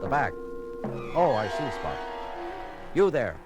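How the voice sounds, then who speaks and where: A man's voice: mid-range voice, very animated, slow, over loud music. A man playing a confident, wry starship captain in a sci-fi audio drama. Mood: wry, commanding.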